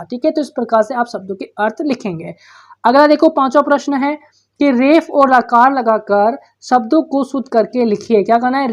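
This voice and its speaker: A woman teacher goes through workbook answers for schoolchildren. Her voice sits a little high, and she keeps posing a question and then answering it herself in a patient, steady way. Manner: patient, repeats questions back to pupils. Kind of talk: workbook solution lesson.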